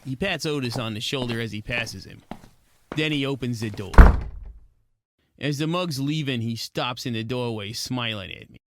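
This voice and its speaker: A man's voice: medium pitch, normal speed, heavy background noise, natural voice. A man playing a hot-tempered, wisecracking penguin private eye, narrating in clipped gumshoe slang for a noir radio play. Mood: wry narration. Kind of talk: noir narration, 1940s radio detective acting.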